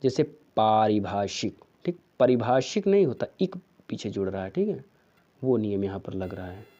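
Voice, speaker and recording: A man teaching a spelling lesson for exam preparation, going slowly through each answer and checking in with "theek hai". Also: fairly low pitch, big pitch swings, mellow, dull audio. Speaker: Hindi teacher.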